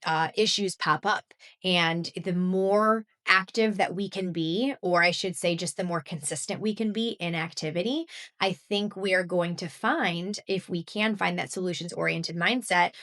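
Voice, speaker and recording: A woman's voice: fairly low pitch, pushed and bright. Chatty upbeat woman in her thirties. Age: 30s. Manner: chatty, upbeat, laughs often, many fillers. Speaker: podcast host and health coach. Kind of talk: casual solo podcast talk.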